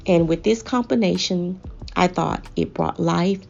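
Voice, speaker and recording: A woman narrates a home makeover as a scripted voice-over, with measured, deliberate phrasing. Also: on the low side, creaky, a little mellow, muffled recording. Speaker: home decor vlogger presenting a makeover. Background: background music.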